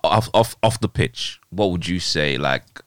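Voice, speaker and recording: Really deep voiced man, relaxed slangy interviewer chat, no room echo. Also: a little slow, clean studio sound. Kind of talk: casual chat.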